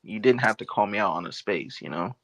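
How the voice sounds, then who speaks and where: A man's voice: lowish voice, fairly quick, no echo, highs cut off. A man telling a sports bet story with slang and laughter in casual chat. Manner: animated storytelling, slangy, laughs while talking. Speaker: podcast host.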